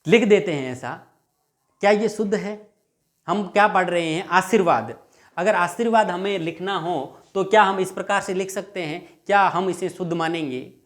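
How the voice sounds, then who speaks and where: Higher-pitched man teaching a grammar lesson. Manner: explains patiently, repeats words slowly, asks students questions; dictates rules word by word. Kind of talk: exam-prep lesson.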